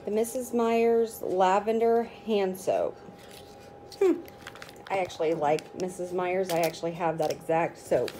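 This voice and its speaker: A vlogger in her thirties chats through her grocery haul, naming each product as she unpacks it. Her voice is fairly low and dark, steady in tone and a little slow. The audio is poor, with noticeable background noise from rustling bags and crinkling packaging.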